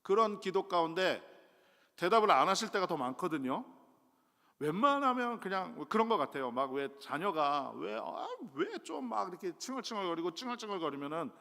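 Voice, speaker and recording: A middle-aged male guest pastor preaching a sermon in a conversational, self-deprecating way, with sudden loud rises. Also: high-pitched, sing-song, moderate pace, gravelly. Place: church sanctuary. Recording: long church hall reverb.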